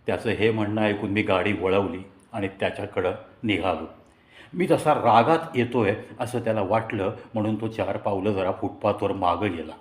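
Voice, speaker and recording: A man narrating a personal story in a conversational, reflective way with dramatic pauses. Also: on the low side. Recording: echoey room.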